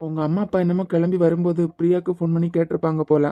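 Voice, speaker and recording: A woman voicing a steady, comforting adult man, a doctor like an elder brother, advising a hurt young woman. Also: fairly low pitch, racing, dry recording, highs cut off, lightly acted. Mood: reassuring. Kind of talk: Tamil audio drama acting.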